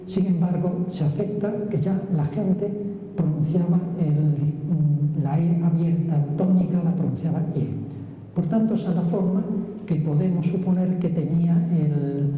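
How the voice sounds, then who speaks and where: A woman's voice: fairly low pitch, warm tone, a little hiss or hum. A woman giving a public lecture on place names, explaining step by step and checking in with the audience as she goes. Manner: explanatory, frequent checking tags. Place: lecture hall. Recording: roomy hall echo, dull lo-fi sound.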